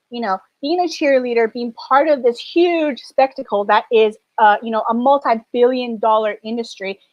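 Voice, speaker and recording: A woman's voice: fairly high pitch, no room sound, lo-fi sound. A woman born in China and raised in Canada, a documentary director answering interview questions thoughtfully, with frequent restarts.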